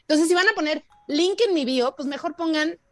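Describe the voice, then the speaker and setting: A woman's voice: sits high, a little fast, fairly bright tone, no room sound, soft background music. A woman teaching spelling and grammar as a guest on a radio show, teasing and emphatic, laughing often. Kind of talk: playful radio quiz lesson.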